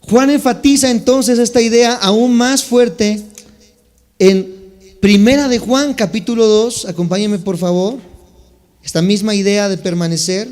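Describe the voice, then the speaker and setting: A man's voice: sits high, steady tone, measured pace, a little mellow, in a large hall. A man preaching a sermon as a pastor, explaining Bible words and calling on the congregation to respond. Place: church sanctuary.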